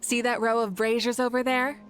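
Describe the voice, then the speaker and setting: Woman as Mavuika, a calm, assured leader. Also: fairly high pitch, normal speed, faint music behind, close to an everyday voice. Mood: calm explaining. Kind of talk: anime game voice acting.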